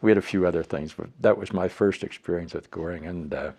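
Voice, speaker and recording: Gravelly, deep-voiced elderly American veteran remembering. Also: male voice, a little fast, a little mellow. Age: older, elderly. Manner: plain-spoken, acts out remembered dialogue. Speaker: war veteran being interviewed. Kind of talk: old veteran remembering, anecdotal storytelling.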